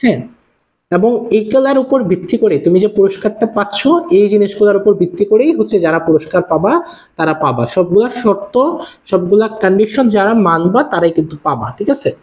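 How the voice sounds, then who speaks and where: A young man from Bangladesh teaching an online class, repeating his points and firing quick questions at his viewers. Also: high voice, lively intonation, a little mellow. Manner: fast, repetitive, calls out questions to viewers. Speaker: online tutor. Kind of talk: live-streamed class lecture. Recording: dull lo-fi stream audio.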